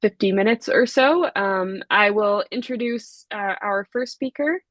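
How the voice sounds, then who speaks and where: A woman moderating an online talk, introducing speakers in a measured way with frequent fillers. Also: mid-range voice, fairly bright tone, no echo. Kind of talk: webinar introduction. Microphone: video call.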